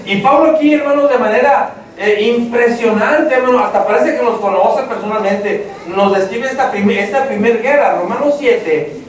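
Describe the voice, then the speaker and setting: Male preacher, animated sermon, higher voice, heard from far off. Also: normal speed. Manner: lively, acts out inner voices, addresses the congregation directly. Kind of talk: evangelistic sermon. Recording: echoey church hall from far off.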